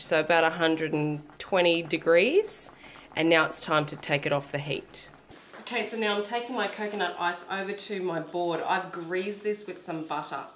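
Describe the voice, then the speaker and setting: A woman's voice: lowish voice, roomy sound, a little hiss or hum. A woman, hosting a cooking demonstration in her home kitchen and explaining each step in a chatty, instructive way. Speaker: cooking show host.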